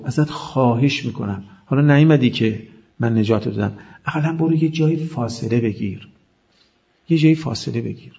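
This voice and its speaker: Gravelly impassioned male preacher, lo-fi. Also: mid-range voice. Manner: impassioned, swings between loud cries and hushed lines. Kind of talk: mourning sermon. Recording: dull lo-fi recording.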